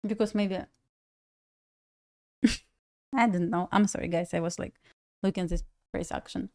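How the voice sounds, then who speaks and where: A young woman from Belarus, natively Russian-speaking and Russian-accented, runs an informal trading livestream where she talks with viewers, laughs often and keeps restarting mid-thought. Her pitch is on the low side, her intonation fairly flat, and her sound slightly mellow.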